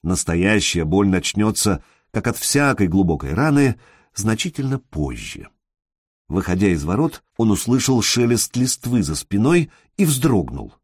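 A man narrating a literary audiobook, measured and expressive with dramatic pauses. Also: lowish voice, slightly rough, no echo, studio quality.

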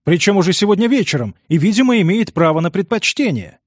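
A man reading the part of a stout, kindly older gentleman who talks warmly and eagerly. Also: high voice, very animated, quick pace, dry recording, studio quality, pitched above the performer's own voice. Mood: persuasive. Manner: warm, eager, laughing.

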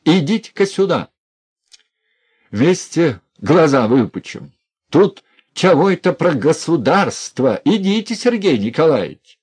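A man reading a story aloud and voicing a furious middle-aged man who yells and mocks with contempt. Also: on the high side, sing-song, measured pace, slightly rough, pitched above the performer's own voice, full character voice. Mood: raging. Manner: yelling, mocking, contemptuous.

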